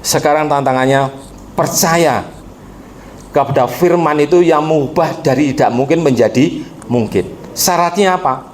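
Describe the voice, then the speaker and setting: A man preaching a sermon, calling out to the congregation and swinging between quiet storytelling and impassioned exhortation. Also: fairly high pitch, moderate pace, slight background noise. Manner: addresses the congregation directly. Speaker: pastor.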